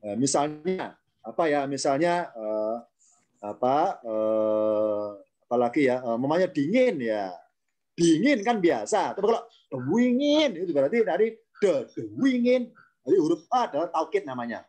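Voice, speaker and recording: A man's voice: fairly high pitch, very animated, normal speed, mellow. A man teaching an online grammar class, explaining patiently, repeating key terms and quizzing his students.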